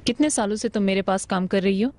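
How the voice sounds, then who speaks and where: A woman's voice: medium pitch, quick pace, darkish tone, lightly acted. A woman dubbing a haughty businesswoman in a TV drama, speaking curtly and with command. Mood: stern. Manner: curt, commanding. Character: haughty businesswoman, sharp with staff. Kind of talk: dubbed TV drama.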